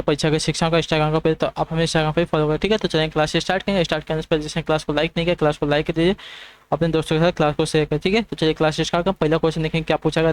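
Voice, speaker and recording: A man's voice: fairly high pitch, clear, resonant tone. A young man teaching an online exam prep class, stepping through quiz questions and checking in with students often. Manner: fast, repetitive checking-in with students.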